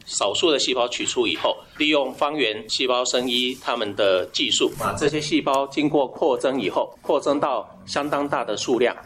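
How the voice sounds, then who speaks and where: A male professor explains something. His pitch is middling, and there is faint noise behind him. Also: normal speed, hardly any pauses, fairly bright tone. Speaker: medical professor. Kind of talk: spontaneous interview explanation.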